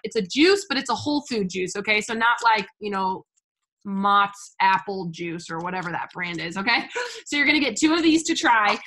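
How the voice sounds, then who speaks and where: A young American woman talks through a product kit in a bright, clear voice that sits a little high. She is chatty and gushing, with fillers everywhere. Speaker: essential oils seller. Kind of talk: casual product walkthrough.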